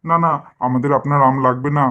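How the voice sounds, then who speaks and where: A man's voice: mid-range voice, steady tone, quick pace, narrow, tinny audio, close to an everyday voice. A man voicing a village father who haggles impatiently over the price of mangoes. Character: stingy bargaining village father.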